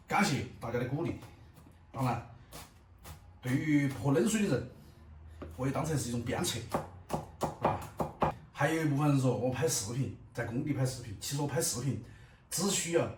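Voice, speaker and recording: A middle-aged man with a Southwestern Mandarin accent, talking casually about his daily life as a vlogger. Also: mid-range voice. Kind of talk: casual personal vlog narration. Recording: echoey, noisy room, distant mic.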